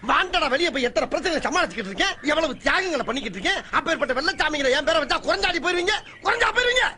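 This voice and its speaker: An actor playing a blustering husband who rants in a self-pitying way. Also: male voice, very high-pitched, big pitch swings, racing, background noise. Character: blustering rural husband, touchy about respect. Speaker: husband in a family quarrel. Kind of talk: film comedy dialogue.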